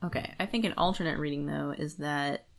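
A podcast co-host with a low voice and vocal fry talks casually about a book, speaking fairly quickly as she reasons her points through conversationally.

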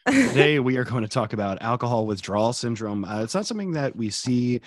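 Fast-talking male podcast host. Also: medium pitch, animated, no room sound, studio quality. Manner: brisk, upbeat, leading the talk. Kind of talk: casual chat.

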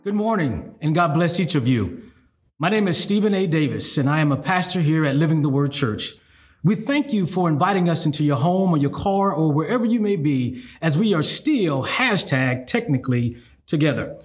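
A man's voice: on the high side, animated, moderate pace. A middle-aged man preaching a sermon as a pastor, using rhetorical questions and repeated refrains. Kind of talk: sermon preached to an online congregation.

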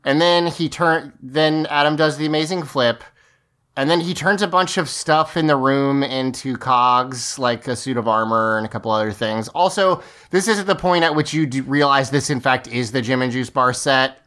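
A man with a middle-pitched voice chats casually as a podcast co-host. He retells things haltingly, often stopping to reword a sentence. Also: bright, forceful tone. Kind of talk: casual chat recapping a TV episode.

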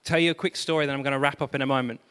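A man pastor preaching a sermon, animated, with self-deprecating humor and exclamations of praise. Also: mid-range voice, rapid-fire, clean tone, in a large hall.

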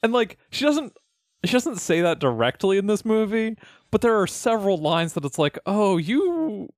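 A man's voice: high-pitched, very animated, moderate pace, no echo, studio quality. A man in casual podcast chat about a film, hesitant and full of fillers. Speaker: podcast co-host.

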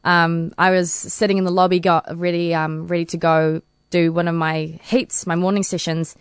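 Chatty New woman, low voice. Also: flat delivery, normal speed, clear, resonant tone, no room sound, studio quality. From New Zealand. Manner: chatty, laughs often. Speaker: interview guest, para swimmer. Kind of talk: casual interview answers.

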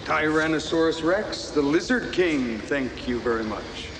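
A menacing tyrant king from a movie. His threats are theatrical and slow, in a fairly high, very animated voice. He savors his own superiority. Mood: gloating, threatening. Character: menacing, gloating reptile-descended tyrant king from a film. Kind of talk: villain dialogue in a feature film. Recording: echoey film clip, noisy background.

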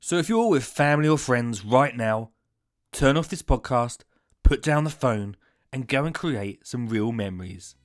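A man's voice: medium pitch, expressive, a little slow. A man hosting a gardening podcast, talking in an upbeat, chatty way with scattered ums. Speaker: podcast host, gardening educator. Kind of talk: casual podcast chat.

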